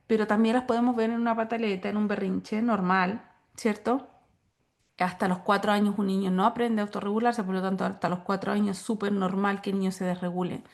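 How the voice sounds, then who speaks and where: A woman giving a recorded lecture to teachers, explaining step by step and checking in with listeners often. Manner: explanatory, checks in with frequent "¿ya?" and "¿cierto?"; acts out quoted lines in a higher voice. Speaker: course instructor. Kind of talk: recorded lecture on child behavior.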